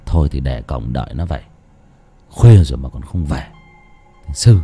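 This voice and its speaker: A man's voice: a bass voice, animated, moderate pace, dark tone, husky, soft background music. A man narrating a horror story dramatically.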